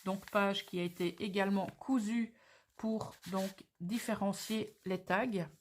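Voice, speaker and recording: A woman with a Belgian French accent talks through handmade craft pieces on camera. Her delivery is slow and unhurried, with many fillers as she describes each detail. Her voice sits at a middle pitch. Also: fairly even intonation. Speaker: crafting channel host. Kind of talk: presenting craft mail on camera.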